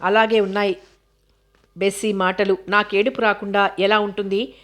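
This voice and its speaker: A woman narrating an audio novel in a steady, measured storytelling manner. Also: medium pitch. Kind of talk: scripted narration.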